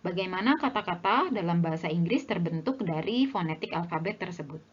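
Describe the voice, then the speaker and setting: A young woman narrates a scripted language lesson and speaks to viewers as friends. Her voice is husky and a little breathy. The recording sounds dull and lo-fi. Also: lowish voice, expressive, fairly quick. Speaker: language teacher.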